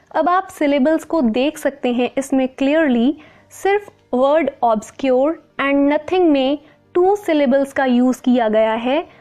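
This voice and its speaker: High-voiced woman teaching a lesson. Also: a little mellow. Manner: clear, patient, mixing Hindi and English. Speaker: English teacher. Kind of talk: explaining a lesson to camera.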